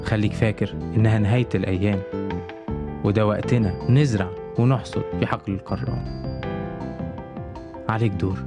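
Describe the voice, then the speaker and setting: Male promo voice-over, low and very rapid, urgent, music under. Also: fairly even intonation. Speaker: promo announcer.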